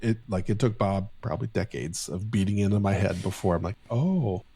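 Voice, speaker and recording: A man's voice: low-pitched, fairly even intonation, a little fast, vocal fry, warm tone, slightly rough. A man co-hosting a leadership podcast, talking in an earnest and reflective way, close to the mic at home. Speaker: podcast co-host. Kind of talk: casual podcast chat. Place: home office.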